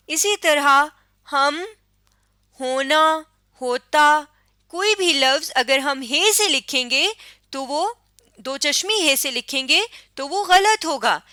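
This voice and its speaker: A woman's voice: sits high, bright, forceful tone, dry recording, studio quality. A woman with a Pakistani Urdu accent, an Urdu teacher giving a patient lesson voice-over, repeating and correcting herself as she explains.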